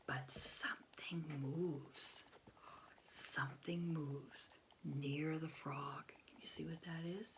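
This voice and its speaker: An American woman in her fifties reads a picture book to young children in a small bedroom at home, speaking slowly in a low, steady voice. She reads expressively, offering simple explanations and asking the listener questions. Background noise is present.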